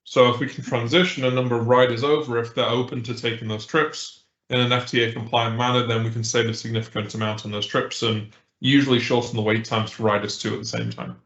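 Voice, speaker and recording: A man's voice: mid-range voice, little pitch movement, fast, fairly bright tone. A man giving a businesslike update in a meeting, heard over a glitchy call line that cuts out, with frequent uhs and restarts. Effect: glitchy, cutting-out call audio. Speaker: transit agency presenter. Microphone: remote video call. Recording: dull, echoey remote call audio.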